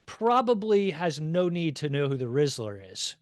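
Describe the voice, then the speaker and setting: A man co-hosting a casual podcast chat, telling stories with deadpan jokes. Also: fairly high pitch, normal speed, dry recording, clean studio sound. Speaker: podcast co-host.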